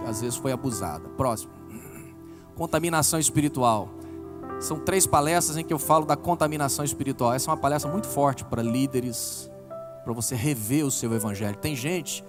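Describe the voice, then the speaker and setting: A Brazilian man in his forties preaching a sermon, telling personal stories with dramatic rises and drops in his voice. His voice rings with long reverb through a church hall. Soft music plays faintly underneath. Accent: Brazilian Portuguese. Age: 40s. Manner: emotional storytelling with big pitch swings. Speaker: pastor.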